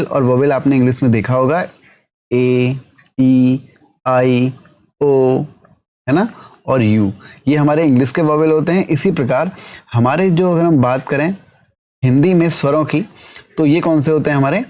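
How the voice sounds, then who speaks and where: A man teaching an exam-prep lesson who asks the class questions, answers them himself and keeps adding a quick tag question. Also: mid-range voice, a little mellow.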